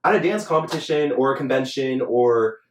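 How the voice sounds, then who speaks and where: A man's voice: medium pitch, fairly quick, a little hiss or hum. A young man hosting a podcast, chatting casually and filling his talk with "like". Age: young adult. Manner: filler-heavy, chatty, frequent "like". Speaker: podcast host. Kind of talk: casual chat. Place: Los Angeles. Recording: roomy echo.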